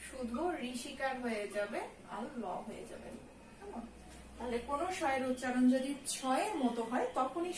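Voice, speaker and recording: A woman, a college teacher, giving a recorded lesson. She explains slowly, step by step, and keeps checking in with her students. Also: high-pitched. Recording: echoey room, distant mic, faint ambient noise.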